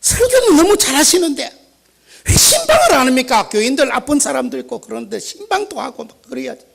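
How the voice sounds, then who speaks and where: Old preacher doing a nagging church elder, high whiny pushy voice. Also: male voice, big pitch swings, fairly quick, creaky, a little hiss or hum, full character voice. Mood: pestering. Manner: pleading, insistent scolding. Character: nagging older male church elder, insistent.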